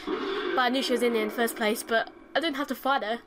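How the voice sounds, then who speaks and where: Alone in her room, a young woman plays a horror game for her let's play, talking quickly in a highish voice whose intonation stays fairly even. She startles easily, swears plenty and repeats herself when panicking. There's noise and buzz on the home recording.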